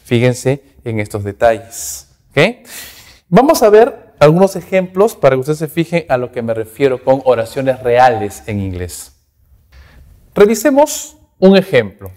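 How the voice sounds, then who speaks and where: A slightly mellow, medium-pitched male voice explains English grammar in Spanish during a recorded class, often closing phrases with "¿no?" or "¿ok?". Echoey hall reverb fills the recording.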